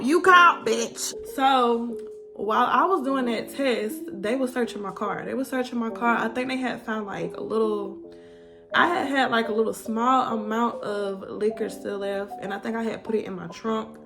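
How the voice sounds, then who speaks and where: Animated young woman telling a story. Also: fairly high pitch, creaky. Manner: animated, addresses viewers as y'all. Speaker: vlogger. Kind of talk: casual storytime.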